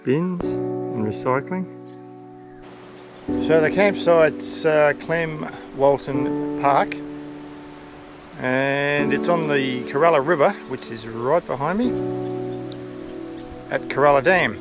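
An older Australian man with a relaxed, laid-back manner, chatting casually to camera as a travel vlogger outdoors. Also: fairly high pitch, slow pace, pauses often, dull audio, over loud music. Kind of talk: casual vlog narration to camera. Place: outdoors at bush campsites and lakeside.

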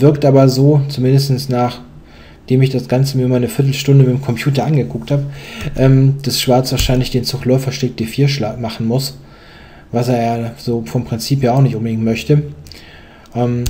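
A man's voice: mid-range voice, mellow, slight background noise. A young man commentating a chess game, explaining moves thoughtfully with many hesitant fillers.

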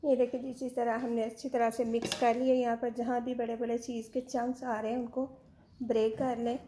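A woman's voice: on the high side, flat delivery, fairly quick, dark tone, a little hiss or hum. A woman hosting her own home cooking channel, walking viewers through a recipe step by step in a chatty way and slipping English words into her speech.

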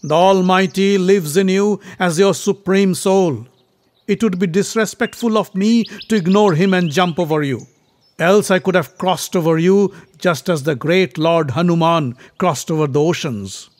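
A man doing a loud, proud warrior prince. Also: high-pitched, measured pace, voice pushed up. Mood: defiant. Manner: loud, commanding, defiant. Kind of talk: storybook narration.

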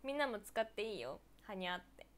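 A woman's voice: medium pitch, big pitch swings. A young woman in her twenties from Niigata, chatting casually on her own live stream, answering viewer comments and giggling often. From Niigata, Japan. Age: 20s. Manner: giggly, laughs often between phrases; chatty and playful, quick reactions.

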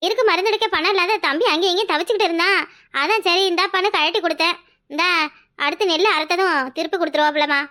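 A performer voicing a kind, gentle old village mother in a cartoon, with a Kanyakumari Tamil accent. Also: very high voice, quick pace. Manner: gentle, reassuring. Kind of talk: cartoon voice acting.

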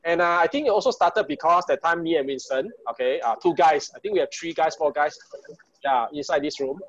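A Singaporean man with a fairly high voice hosts an online gathering in casual Singlish. The sound is dull and lo-fi, like a video call from a room at home. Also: brisk, fairly bright tone. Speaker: host of an online group party. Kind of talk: casual, informal hosting with Singlish particles.

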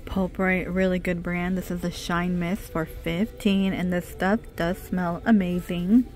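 A woman's voice: fairly low pitch, little pitch movement, unhurried, darkish tone. A middle-aged woman narrating a casual shop-with-me vlog in a department store, reading out product names and prices as she browses. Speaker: shopping vlogger. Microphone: handheld phone camera.

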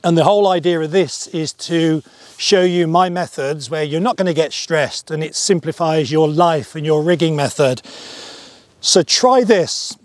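A middle-aged man giving a relaxed paragliding lesson step by step on an open hillside, wearing a clip-on mic. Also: fairly high pitch, unhurried, no echo. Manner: relaxed, chatty, explains step by step. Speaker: paragliding instructor. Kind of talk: outdoor tutorial. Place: open grassy hillside outdoors.

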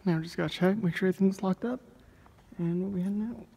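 A DIY car vlogger films himself on a handheld phone, casually narrating a car repair step by step while rambling, thinking aloud, and saying lots of ums. His voice is high, quick, husky, with vocal fry. He starts in a moving car and then goes outdoors beside it at night, with loud road and engine noise throughout.

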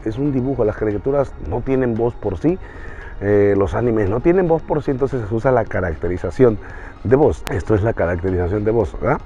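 A man casually teaching voice acting online, animated and speaking straight to the viewer. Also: a little fast. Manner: animated, talks straight to the viewer, jumps between pitches. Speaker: voice-acting teacher, channel host. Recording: dull lo-fi sound with faint music.

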